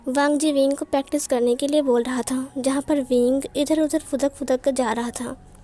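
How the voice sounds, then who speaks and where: A woman tells a fan fiction story in a steady, plain way. Her voice is high-pitched and mellow. Soft music plays faintly behind her. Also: moderate pace.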